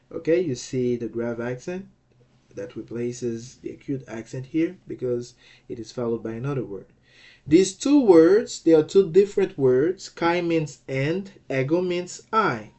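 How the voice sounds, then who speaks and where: A man walks through a recorded language lesson at an unhurried, deliberate pace. He is patient and repetitive, checking in with "okay" as he explains each point. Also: medium pitch, a little mellow. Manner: patient, repeats words, says "okay" a lot. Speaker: teacher.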